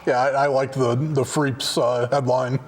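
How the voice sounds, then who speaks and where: A man on a sports talk panel, making short, dry remarks with halting starts. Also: mid-range voice, level tone, slight background noise. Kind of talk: casual sports chat.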